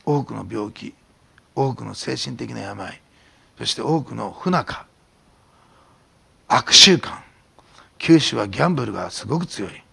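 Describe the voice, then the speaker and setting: A man preaching a sermon as a pastor, telling stories in an animated way and sometimes dropping to a whisper. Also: medium pitch, measured pace, creaky, long pauses, breathy edge. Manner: animated storytelling, drops to a whisper at times.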